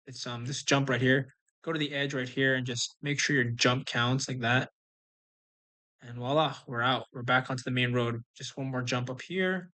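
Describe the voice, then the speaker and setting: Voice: medium pitch, steady tone, normal speed, sharp tone. A game streamer giving casual live walkthrough commentary, instructing and talking through each move as it happens.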